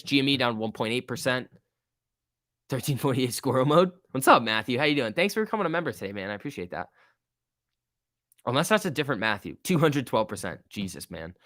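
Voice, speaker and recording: On his casual trading livestream, a man in his early twenties jokes and chats informally while reading out and answering viewer comments. His medium-pitched voice is expressive, fairly quick, and sharp in tone, recorded dry in clean studio sound.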